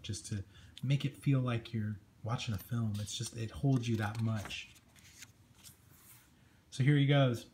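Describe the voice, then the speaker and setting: Flipping through the pages, a comic book show host gives a relaxed, enthusiastic, conversational review. His voice sits at medium pitch with a slightly mellow tone, and the recording is noticeably noisy and amateur, picking up room ambience.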